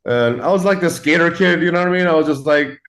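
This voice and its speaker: A man in his forties who grew up in Los Angeles tells his story as a guest, loose and relaxed, with plenty of fillers and cursing. His voice sits a little high, he talks fast, and the tone is fairly bright.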